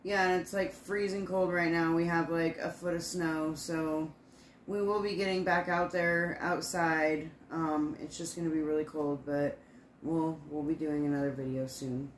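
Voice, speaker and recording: A woman in her forties with a fairly low voice chats casually as co-host of a ghost-hunting video. She is recorded a few feet from the camera in a roomy, echoing space with faint noise. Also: steady tone, normal speed. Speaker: co-host of a paranormal investigation video. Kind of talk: casual chat. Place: living room at home, indoors. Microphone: camera a few feet away.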